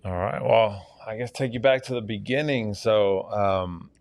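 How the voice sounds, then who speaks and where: A man's voice: on the low side, a little slow, no echo. A man from Argentina, a fitness coach, talking earnestly as a podcast guest with many fillers. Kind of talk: casual interview talk.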